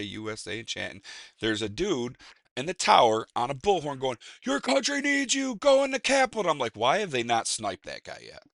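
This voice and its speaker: A man's voice: on the low side, vocal fry, fairly bright tone, no room sound, clean studio sound. A man giving a rambling, emphatic casual opinion monologue, with restarts and fillers. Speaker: commentator.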